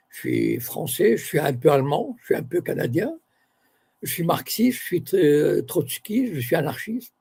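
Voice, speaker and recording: Here an older man from Morocco, both writer and university scholar, talks thoughtfully in an interview. Deliberate and self-correcting, he often searches for the right phrase. His tone is husky and gravelly, with a mellow, dark quality and a slightly high male pitch.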